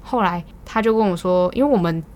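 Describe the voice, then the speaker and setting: This podcast host is a young woman with a Taiwanese Mandarin accent whose voice is lowish and a little mellow. She talks a bit fast while telling a story, venting in a casual, exasperated way with the odd swear word.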